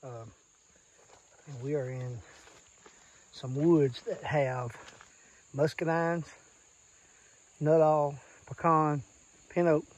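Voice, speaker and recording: Out in the woods, a deer hunter from Arkansas shares scouting tips in a casual vlog, speaking plainly in a Southern accent and pointing things out in a folksy manner. His pitch is fairly high and his intonation fairly even, with drawn-out words and frequent pauses. It's a low-quality outdoor field recording with faint natural noise.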